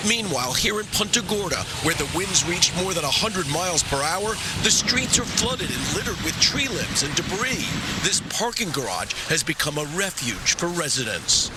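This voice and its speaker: A man's voice: sits high, sing-song, normal speed, few pauses, heavy background noise. A man narrating a scripted news report as a correspondent.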